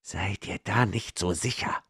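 A man's voice: lowish voice, measured pace, fairly bright tone, slightly rough, no echo, studio quality, exaggerated voice. A man voicing a bitter, hateful male sorcerer slave in an audiobook, speaking with a growl. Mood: menacing. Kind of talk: audiobook character reading.

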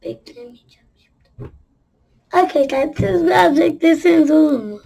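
A young woman chatting playfully as she comments on her own gameplay, often dropping to a soft murmur. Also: sits high, moderate pace, gravelly, rough recording. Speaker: gaming channel host.

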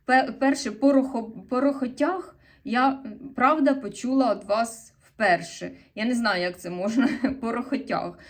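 A woman's voice: a little high, measured pace. Chatty woman with a Sumy accent. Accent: Sumy eastern Ukrainian. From Sumy region, eastern Ukraine. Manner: chatty, rambling, with frequent self-corrections; earnest and a little defensive when answering comments. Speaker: vlogger. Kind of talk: casual vlog chat to camera.

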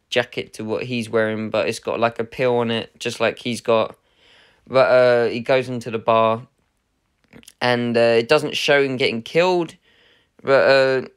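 Male vlog host, mid-pitched, resonant voice, casual and rambling, keeps correcting himself. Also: a bit bright, smooth. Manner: rambling, hesitant, with many "uh"s and self-corrections. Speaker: channel host unboxing a film collector's edition.

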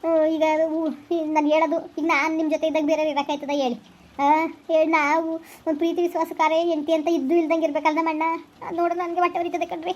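A woman's voice: extremely high pitch, flat delivery, brisk, darkish tone. A woman playing an earnest young wife who pleads with her husband in an amateur village family drama. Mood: pleading.

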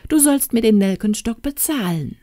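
A woman voicing a young girl in a fairy tale reading, gentle but a bit sulky. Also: a little high, expressive, moderate pace, dry recording, clean studio sound, voice pushed up, lightly acted. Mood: cross. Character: young girl, sad and briefly cross.

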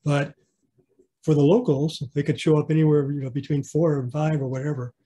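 A man's voice: a little high, flat delivery, a little fast, dark tone, husky. A man giving a casual online slideshow clinic about his model railroad, rambling with fillers and restarts. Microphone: video call.

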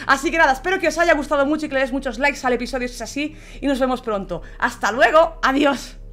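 Young woman gamer, Spain accent; high, bright voice; scared, cursing, shrieking let's-play commentary. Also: fast talker. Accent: Spain Spanish. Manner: frightened, swearing, shrieking. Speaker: gaming youtuber.

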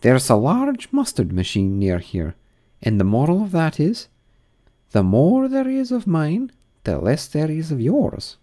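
A man voicing an ugly, chummy old noblewoman who finds a moral in everything, in a high, drawn-out, sing-song voice. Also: huge pitch swings, warm tone. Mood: gushing, moralizing.

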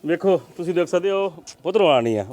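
A man's voice: high-pitched, expressive, quick pace, darkish tone, slight background noise. A man reporting from a poor family's village home, making earnest appeals to viewers for help.

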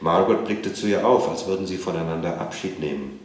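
A man with a very low voice reads a novel aloud at a literary event in a museum. His reading is calm and measured. The sound carries a strong echo from the room. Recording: echoey room.

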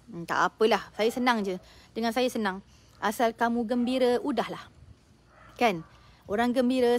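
A woman hosting a casual live stream, expressive and full of religious exclamations. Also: mid-range voice, slight background noise.

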